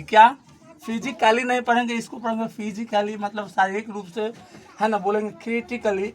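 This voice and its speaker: A male teacher giving a classroom grammar lesson, explaining slowly and repeating points, asking questions and answering them himself, pointing to a board. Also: high voice, a little hiss or hum. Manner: repetitive, asks and answers own questions; slow, stressed explanation.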